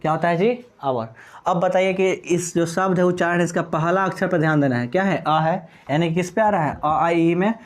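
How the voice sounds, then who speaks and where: In a classroom-style lecture, a high-pitched man speaking at a moderate pace explains English grammar in Hindi. He spells out words letter by letter and tends to pose questions that he then answers on his own.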